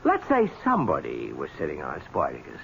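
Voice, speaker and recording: A tense fiancé on old AM radio. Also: male voice, extremely low pitch, wildly swooping pitch, brisk, vocal fry, a bit bright, exaggerated voice. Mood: bitter. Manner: tense, defiant. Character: young man engaged to an heiress, suspicious, combative. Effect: old AM radio broadcast sound. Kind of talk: 1970s radio drama acting. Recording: dull lo-fi old radio broadcast with faint hiss.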